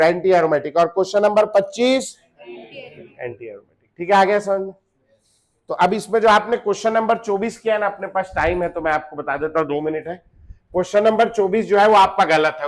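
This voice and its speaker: A man lectures a chemistry class, repeatedly asking the students questions and then answering them himself, joking around and slipping in English phrases. His voice sits high.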